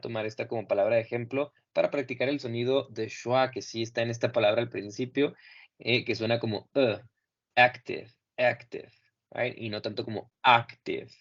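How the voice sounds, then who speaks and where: A man teaching English in Spanish over a video call, patiently modeling each word slowly and clearly for his students. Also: medium pitch, muffled recording. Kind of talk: online class correcting pronunciation.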